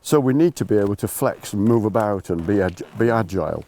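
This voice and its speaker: A man's voice: lowish voice, animated, a little fast, warm tone, a little hiss or hum. A man working as a ski instructor, explaining things informally to learners in an emphatic way, rephrasing and repeating his points.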